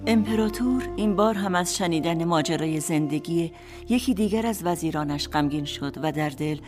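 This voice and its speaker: Woman narrator, lowish voice, calm storybook narration, faint music underneath.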